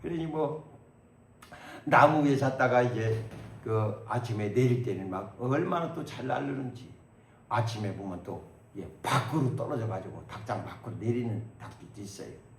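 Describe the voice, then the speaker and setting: A man in his sixties preaching a sermon as pastor, swinging between loud exhortation and quiet asides and acting out prayers. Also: medium pitch, animated, normal speed, roomy sound, a little hiss or hum. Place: church sanctuary.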